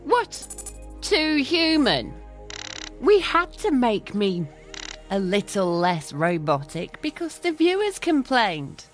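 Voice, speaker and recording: A woman's voice: fairly high pitch, big pitch swings, slow pace, faint music behind. A woman co-hosting, teasing her partner in playful banter. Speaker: co-host. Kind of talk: scripted banter.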